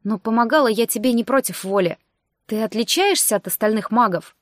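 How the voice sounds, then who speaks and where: A woman reading an audiobook, voicing a cheerful female ghost who guards an academy, lively and reassuring. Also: on the high side, fairly quick, no room sound, studio quality, close to an everyday voice. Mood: explaining. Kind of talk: audiobook character voice.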